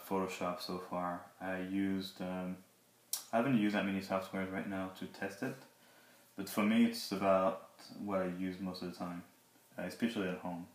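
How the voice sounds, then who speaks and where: Low, monotone man, hesitant, sore-mouthed. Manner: hesitant, halting, talking awkwardly through a sore mouth after wisdom tooth removal. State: in pain after dental surgery. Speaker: product reviewer, 3D artist. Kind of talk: casual unscripted tablet review and demo. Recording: roomy echo, background hiss and clicks.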